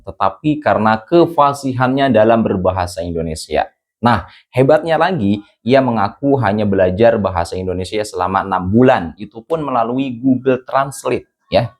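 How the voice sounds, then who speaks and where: A man's voice: mid-range voice, lively intonation, moderate pace. A man narrating a scripted viral-news story as a voice-over.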